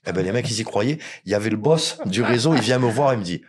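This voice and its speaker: A man's voice: fairly low pitch, lively intonation, fast, husky. A man from France, a podcast guest, telling stories in casual chat, blunt and joking with plenty of swearing.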